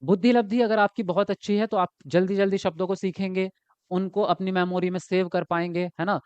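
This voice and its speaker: Guy teaching a live online class, highish smooth voice, keeps going "right?", kinda dull dry lo-fi sound. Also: steady tone, a little fast, darkish tone, no echo. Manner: chatty, keeps asking "right?" and answers chat comments. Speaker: exam prep teacher.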